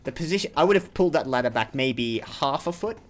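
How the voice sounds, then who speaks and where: A young let's play host talks over his video game at a fairly quick clip, his mid-range voice full of lively intonation. The commentary is casual, chatty and rambling, and he often cuts himself off mid-sentence.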